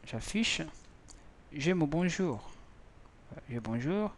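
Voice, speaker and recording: Slow, halting man teaching code. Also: a little high, very animated, slight background noise. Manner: halting, repeats words, thinks aloud while typing. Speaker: programming teacher. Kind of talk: screen-recorded coding tutorial.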